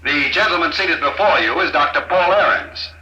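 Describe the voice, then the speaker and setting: An actor playing a cold, smug villain speaking over an intercom, in 1950s radio drama style. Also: male voice, a little high, animated, normal speed, sharp tone. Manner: smug, coolly mocking. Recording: roomy, muffled old radio recording.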